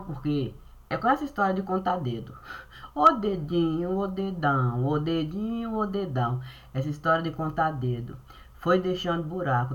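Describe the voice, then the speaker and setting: A woman's voice: medium pitch, pushed and bright. A woman with a Brazilian Portuguese accent, talking in a meandering spiritual monologue and repeating phrases as she addresses God, recorded on a webcam. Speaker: vlogger.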